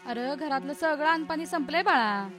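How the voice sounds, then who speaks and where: Actress as worried village mom, high voice, nagging, faint music. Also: female voice, moderate pace, close to an everyday voice. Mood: anxious. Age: middle-aged. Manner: nagging, anxious, scolding. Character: worried poor village mother.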